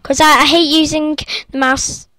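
A woman casually narrating her gameplay from bed, rambling, breaking into squeals and quick apologies. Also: sits high, flat delivery, pushed and bright, no room sound. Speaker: gaming vlogger. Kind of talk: casual game commentary. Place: sitting up in bed at home. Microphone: laptop recording.

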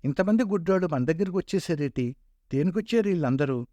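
A man's voice: fairly high pitch, expressive, fast, mellow, no room sound, muffled recording, pitched above the performer's own voice, lightly acted. A man voicing a rude, sneering male office peon who mocks people in a North Coastal Andhra dialect. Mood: mocking. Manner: mocking, scornful.

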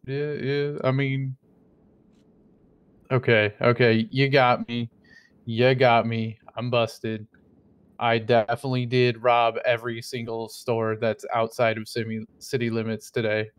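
A man's voice: mid-range voice, little pitch movement, a little slow, clean tone, no echo. A man voicing his roleplay character in casual chat, rambling with many fillers and joking in a mock-innocent way. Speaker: streamer playing a roleplay character.

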